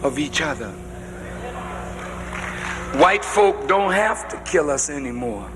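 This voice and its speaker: A male preacher delivering a sermon to a congregation in a large hall, speaking emphatically with drawn-out phrases that rise to shouts. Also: on the high side, lively intonation, music in the background. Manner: addresses the congregation directly. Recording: long reverb of a large hall.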